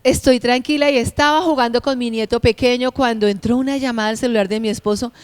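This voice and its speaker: Middle-aged woman pastor, heartfelt testimony, slightly high voice, dry close sound. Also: fairly even intonation, fast talker, smooth, dry recording. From Bogotá, Colombia. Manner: heartfelt, earnest and emotional. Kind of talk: personal testimony.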